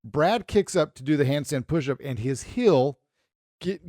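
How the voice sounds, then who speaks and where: A middle-aged man with a slightly high voice co-hosts a podcast at a measured pace. In easygoing chat he rambles through stories, acting out each person vividly. The sound is clean studio audio with no echo.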